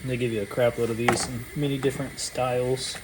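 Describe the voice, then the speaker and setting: Relaxed man tinkering aloud outdoors. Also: medium pitch, fast. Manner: relaxed, thinking aloud while working. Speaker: channel host and dad. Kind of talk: casual hands-on vlog chat. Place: outdoors at home on a cold evening. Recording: noisy outdoor camera recording.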